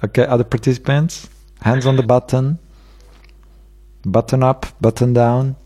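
A man hosting a live radio show, playful and quick to laugh. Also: mid-range voice, little pitch movement, mellow. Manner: playful, laughing, mixes in Italian. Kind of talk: casual live radio chat.

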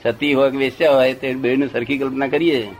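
A man's voice: mid-range voice, little pitch movement, a little fast, a little hiss or hum. An older man telling a rambling anecdote in casual chat, often checking that his listener follows. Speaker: storyteller.

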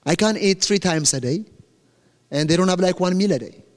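Speaking English with an Ethiopian accent, this earnest young man, whose first language is Amharic, shares his testimony as a guest at a church, plainly and directly, at a normal speed. He corrects himself and jokes about his accent, and his slightly high voice echoes with a long reverb around a big hall.

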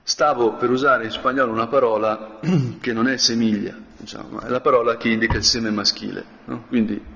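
A man of middle pitch preaching a relaxed, chatty meditation as a priest, clearing his throat now and then. His voice rings with a long hall reverb, and the recording sounds a little dull and lo-fi. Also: a little fast. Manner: conversational, often clears his throat and adds a questioning tag. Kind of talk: spoken meditation sermon.

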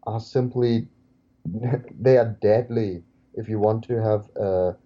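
Lower-voiced male panelist, careful formal phrasing, lo-fi audio. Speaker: podcast co-host. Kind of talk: casual sports chat.

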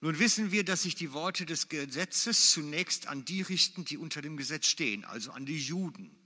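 A man's voice: fairly high pitch, lively intonation, normal speed, pushed and bright. A man preaching a sermon in German, emphatic and repeating his key phrases for weight. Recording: long hall reverb.

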